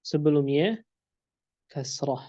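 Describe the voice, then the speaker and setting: A man teaching pronunciation, repeating each sound slowly to demonstrate it, in a muffled lo-fi recording. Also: a little high, expressive, mellow, no echo. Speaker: Quran recitation teacher. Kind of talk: pronunciation lesson.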